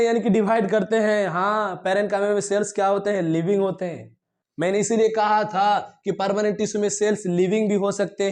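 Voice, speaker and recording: A man teaching a biology lesson to students, asking questions and answering them himself, clearing his throat now and then. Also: high-pitched, darkish tone. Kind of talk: classroom lecture to students.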